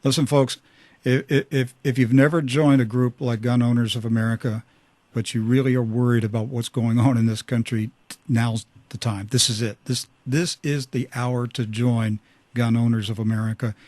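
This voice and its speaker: A man's voice: mid-range voice, flat delivery, normal speed, a little mellow, no echo. Male talk radio host, fervent and preachy, mid-range voice, dry studio sound.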